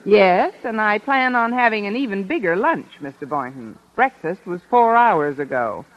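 A woman's voice: medium pitch, expressive, moderate pace, crowd noise, background noise, close to an everyday voice. A woman plays a wisecracking American schoolteacher with dry, sardonic delivery and very mobile intonation. She acts and narrates 1950s radio comedy on a muffled old recording. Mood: wry.

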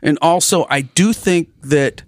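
A man's voice: on the high side, unhurried, no echo. A man co-hosting a podcast in casual chat, with dry, wry remarks. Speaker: podcast co-host.

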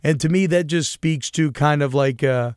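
A man's voice: a little high, normal speed, a little mellow, smooth, no echo. Man, casual sports talk host, chatty, joking, dry close sound. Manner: chatty, joking, rambling with restarts.

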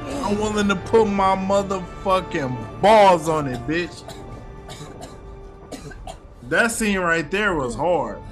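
A man's voice: high-pitched, expressive, slow pace, long pauses, music in the background. A man giving casual, hyped film reaction commentary, slangy and profane. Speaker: reaction host.

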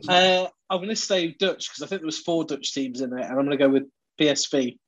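A man with a slightly high voice talks casually on a football podcast. He banters with the others as he takes part in the chat. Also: brisk, dull audio. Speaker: football podcast regular and quiz contestant.

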